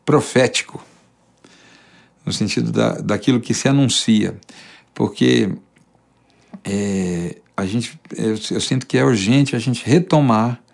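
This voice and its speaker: A man from the interior of São Paulo state, Brazil, muses in a gravelly, medium-pitched voice that is a little mellow. He is a singer-songwriter being interviewed, giving a reflective, conversational monologue full of restarts and repeated words.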